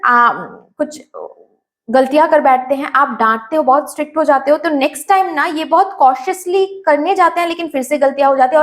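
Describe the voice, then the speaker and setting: Woman, high-pitched, tarot reader, direct address to viewer, English words mixed in, repetitive phrasing.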